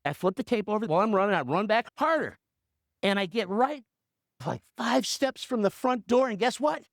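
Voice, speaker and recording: A man in his fifties, a coach and radio host, telling a motivational story in an animated way with punchy repetition. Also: sits high, normal speed, dry recording, studio quality.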